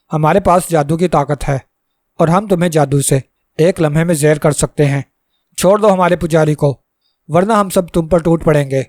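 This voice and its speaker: A haughty little dwarf king on horseback, voiced by a male storyteller, shouting his commands. His tone is fairly high, and the sound is close and dry. It is read as a storybook. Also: dry recording, natural voice.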